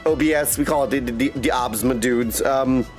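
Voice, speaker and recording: Speaking in a mid-range voice at a moderate pace, a man livestreams as a game streamer, chatting casually with viewers over soft background music. He's playful, goofy and theatrical, coins silly words, and keeps addressing everyone as "my dudes" and "my friends." He's indoors at a desk, using a streaming microphone and headset.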